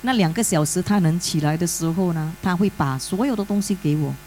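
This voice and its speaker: A woman's voice: lowish voice, fairly quick, mellow, low-quality recording. Woman giving a tearful church testimony. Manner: mixes English words into Mandarin, many fillers. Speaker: pastor's widow giving testimony. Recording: faint mains hum.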